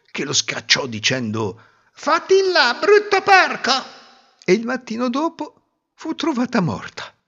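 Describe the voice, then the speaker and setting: A man narrating a fairy tale slowly and expressively, with a husky voice. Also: mid-range voice. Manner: slow, expressive voicing. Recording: slightly muffled lo-fi recording.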